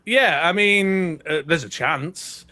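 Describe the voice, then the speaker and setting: A man's voice: high voice, slow, pushed and bright, no room sound. A middle-aged man from North Wales with a British accent, chatting casually on a podcast, rambling with many ums and restarts. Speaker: podcast co-host. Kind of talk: casual chat.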